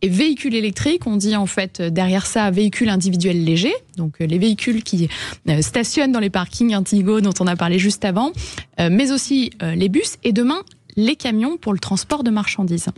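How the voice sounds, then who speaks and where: A woman guest on a radio talk show, explaining at a measured pace with frequent hesitations. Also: medium pitch, animated, a little mellow, no room sound. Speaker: guest, head of an EV charging company.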